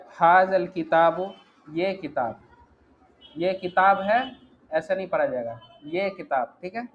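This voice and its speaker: A man teaching a grammar class, explaining step by step and often quizzing his students. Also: fairly high pitch. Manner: asks the class questions, repeats "ठीक है". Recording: dull lo-fi sound, faint noise.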